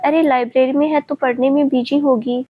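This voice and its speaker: A woman reading as a gentle worried grandmother. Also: high voice, fairly even intonation, brisk, lightly acted. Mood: soothing. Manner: soothing, scolding mildly. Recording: dull lo-fi recording.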